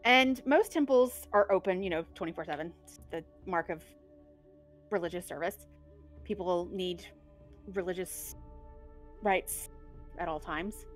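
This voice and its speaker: A woman's voice: on the low side, unhurried, long pauses, soft background music. Rambling woman narrating as game master. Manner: loose, rambling, many restarts.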